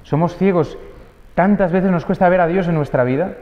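A man, a priest, preaching a lively sermon at mass and acting out the voices he quotes. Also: high-pitched, moderate pace. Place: church during mass. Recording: dull church audio with long reverb.

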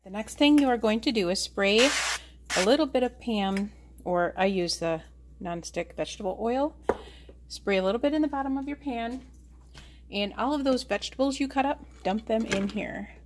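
An American woman hosts a casual home cooking video, chatting while she works in her kitchen. Her voice is on the high side and expressive at normal speed, recorded by a camera on a tripod in a noisy home kitchen.

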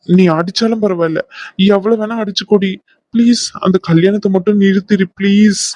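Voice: mid-range voice, fairly even intonation, a little fast, warm tone, dull audio, close to an everyday voice. Someone voicing a pushy young lover. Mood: pleading. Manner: insistent, clingy, pushy. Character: pleading young man who turns menacing.

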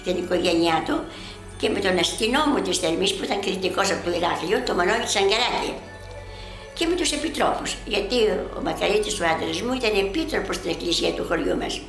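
Older woman telling a lively story. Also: mid-range voice, reverberant, faint music behind. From Lesvos, Greece. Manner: vivid, animated storytelling with dramatic pauses. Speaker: eyewitness. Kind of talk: storytelling testimony.

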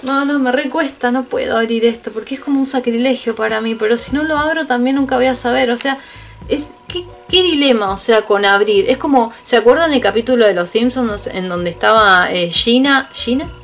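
Rambling Argentine woman, fairly high voice. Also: fairly quick, fairly bright tone, faint music behind. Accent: Argentine Spanish. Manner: rambling, chatty, swears casually, laughs often. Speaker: vlogger. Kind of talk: casual unboxing chat.

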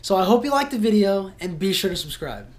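A man's voice: sits high, big pitch swings, brisk, a little hiss or hum. A young man greeting viewers of his fishing channel, talking upbeat and direct to a camera held at arm's length in his room. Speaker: fishing vlogger. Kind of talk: casual vlog intro. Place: bedroom, indoors.

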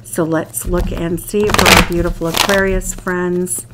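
A woman's voice: fairly low pitch, level tone, unhurried, heavy background noise. Enthusiastic Irish woman reading tarot. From Ireland. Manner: enthusiastic, exclaiming over cards. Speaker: tarot reader. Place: indoors at a card table. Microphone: hands only seen, overhead camera on table.

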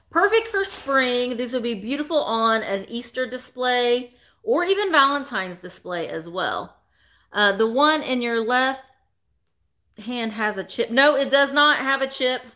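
Her voice medium-pitched and a bit bright, a woman in her forties hosts a chatty live vintage sale. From a small room filled with vintage decor, she talks animatedly into a close-framed desk webcam, greeting viewers by name.

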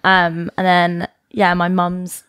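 A woman's voice: fairly low pitch, completely flat delivery, takes it slowly, a bit bright, smooth. A young woman, chatting openly as a podcast guest and laughing easily. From England. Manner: chatty, open, laughs often. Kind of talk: casual chat.

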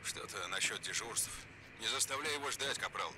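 A man's voice: lowish voice, lively intonation, normal speed, crowd noise. An actor playing a curt male military commander, heard over a radio in a game.

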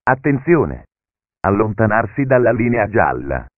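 A man's recorded voice giving automated train station announcements in measured, segmented phrases pieced together with uneven pitch jumps. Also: big pitch swings, no echo. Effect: announcement heard as a recorded station PA message. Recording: narrow, phone-like, dry PA audio.

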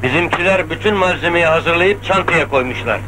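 An actor playing a cautious middle-aged crook in a 1970s film drama, instructing in a businesslike way. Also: male voice, fairly high pitch, brisk, natural voice. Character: cautious middle-aged male crook planning a safe robbery. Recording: noisy old film soundtrack.

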